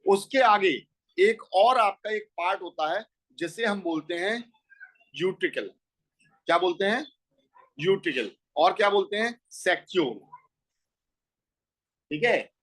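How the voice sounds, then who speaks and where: A man's voice: high-pitched, a little slow, fairly bright tone, rough recording. A man teaching a school biology lesson, explaining step by step and asking and answering his own questions. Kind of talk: biology class lecture.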